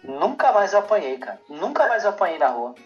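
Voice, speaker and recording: Relaxed enthusiastic man in chat. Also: high voice, brisk, dull audio, soft background music. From Brazil. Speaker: podcast co-host. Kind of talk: casual chat, personal anecdotes.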